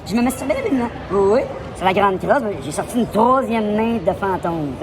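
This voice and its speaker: Québécois man, live vlogger, loud and provocative, rambling, fairly high pitch, faint background noise. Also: expressive, brisk. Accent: Québécois French. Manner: loud, provocative, mixes French and English. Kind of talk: rambling public livestream monologue. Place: indoors in a public place.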